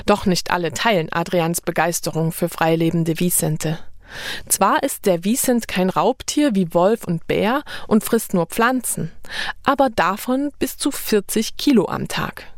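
A woman's voice: lowish voice, a little slow, dry recording, studio quality. A woman reading scripted narration for a nature documentary report as a reporter.

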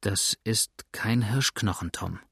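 A man reading aloud and voicing a calm, curious old frontiersman in a storybook adventure, speaking slowly and thoughtfully. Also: lowish voice, gravelly, slightly rough, dry recording, full character voice. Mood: musing. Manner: slow, musing.

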